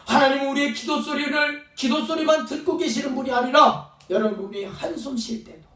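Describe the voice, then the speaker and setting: A man's voice: extremely high pitch, fairly even intonation, brisk, sharp tone. A male pastor preaching a fervent sermon, sometimes acting out pleading voices. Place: church sanctuary. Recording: echoey church sound from a distant mic.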